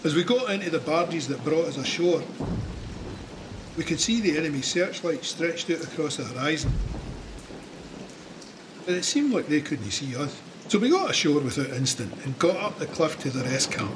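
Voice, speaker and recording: In this dramatised first-person memoir, an actor with a Scottish accent plays a wry, plain-spoken cavalryman looking back on his war. His male voice leans high with lively intonation and a moderate pace, sounding close to everyday speech against a noisy background, and the tone is wry and reflective.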